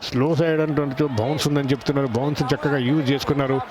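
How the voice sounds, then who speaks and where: A man's voice: medium pitch, little pitch movement, very fast, crowd noise. A man giving conversational Telugu cricket commentary as a co-commentator.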